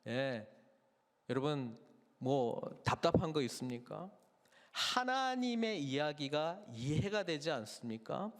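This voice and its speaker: A male pastor preaches a Sunday sermon in a high, lively voice that rises and falls widely. He keeps turning to the congregation with questions. A long reverb trails off through the church. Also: slow pace. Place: church sanctuary.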